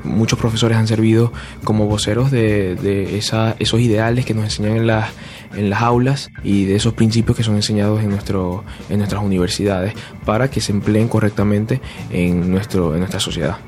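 A young man from Venezuela, a medical student, answering haltingly in an interview with many restarts. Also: lowish voice, fairly even intonation, a little mellow. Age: young adult. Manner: halting, with repeats.

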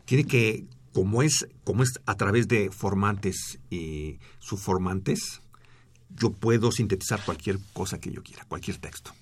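A man's voice: fairly low pitch, measured pace, breathy edge. A middle-aged man, a researcher explaining speech technology in a radio studio at length, with fillers and restarts.

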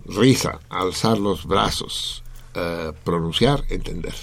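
A man with a Mexican accent, talking casually on radio as host, explaining things to listeners in a lively, profane way. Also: sits low, slow, gravelly.

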